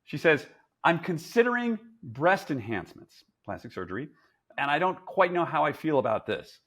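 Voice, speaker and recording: A man in his sixties hosts a relaxed panel conversation, prompting his co-hosts with questions. His voice is slightly husky and rides up and down in lively swings, sitting a little high for a man. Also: normal speed. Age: 60s. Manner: animated, asks questions to move the talk along. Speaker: host. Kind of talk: casual panel chat.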